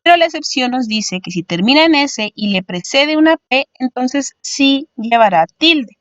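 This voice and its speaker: A woman's voice: high voice, lively intonation, moderate pace, fairly bright tone, no room sound, highs cut off. A woman teacher explaining spelling rules patiently, step by step, like a voice-over lesson.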